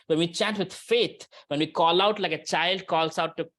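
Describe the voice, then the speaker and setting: Spiritual teacher for an informal religious talk; conversational, mid-pitched voice, keeps checking in with listeners. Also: moderate pace, a bit bright. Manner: conversational, often checks in with "right?". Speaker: spiritual teacher leading a scripture discussion. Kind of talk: informal religious lecture, answering questions.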